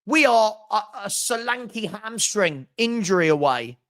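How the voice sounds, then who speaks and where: A man's voice: high voice, big pitch swings, unhurried, fairly bright tone. A man in full angry rant as a fan-channel host. He sounds exasperated and emphatic, hammering phrases by repeating them, and slips into sarcastic mimicry of those he disagrees with.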